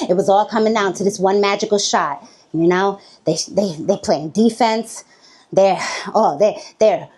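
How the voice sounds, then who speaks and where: Woman stand-up comic, mid-pitched, animated delivery, laughs through her story. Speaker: stand-up comedian. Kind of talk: stand-up comedy set. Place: comedy stage before a live audience.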